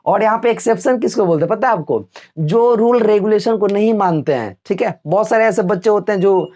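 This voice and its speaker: A man teaching a video lesson in a chatty, relaxed way. He often asks his students a question and then answers it himself. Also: sits high, fairly quick. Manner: homely everyday comparisons, relaxed teacherly tone. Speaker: English teacher. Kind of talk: classroom-style video lesson.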